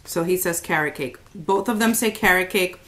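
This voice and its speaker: Casual, lower-voiced woman in a family vlog. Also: moderate pace, noisy background. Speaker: mother co-hosting a family taste test. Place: small room at home.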